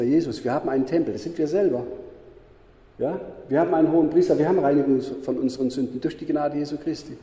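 A man teaching on scripture, his voice very dark and mellow yet sitting fairly high for a man. He hammers his points home by repeating them and keeps checking in with quick tag questions. A roomy space with a long reverb trails after every phrase. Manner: emphatic, repetitive, frequent tag questions. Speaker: Bible teacher. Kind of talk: teaching talk.

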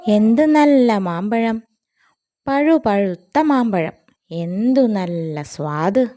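A big greedy elephant from a children's storybook, voiced by a woman reading aloud. He savors every bite with drawn-out exclamations. His voice is mellow and unhurried. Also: mid-range voice, lively intonation. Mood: relishing. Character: big greedy male elephant, relishing food.

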